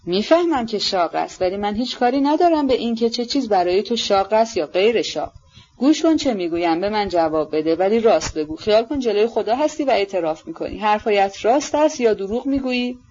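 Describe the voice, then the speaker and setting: A woman's voice: medium pitch, animated, a little mellow, lightly acted. A woman doing a bossy older noble lady, snappy and scolding, audiobook voice, bit dull sound. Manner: scolding, demanding, blunt. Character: imperious older noblewoman, sharp-tongued and fierce. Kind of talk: audiobook reading.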